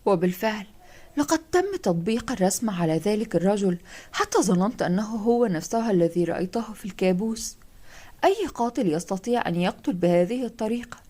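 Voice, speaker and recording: A woman narrating a first-person horror audiobook, reading steadily with hushed asides. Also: mid-range voice.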